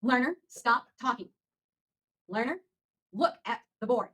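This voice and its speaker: A woman, the teacher's wife, reading classroom example sentences slowly and clearly. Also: on the high side, animated, a bit bright, rough recording. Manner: slow, clear read-aloud commands.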